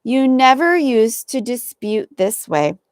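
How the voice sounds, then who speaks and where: Gentle mother of twins, soothing; read by a woman in a storybook, dry close sound. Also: a little high, takes it slowly, no echo, voice pushed up. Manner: calm, soothing.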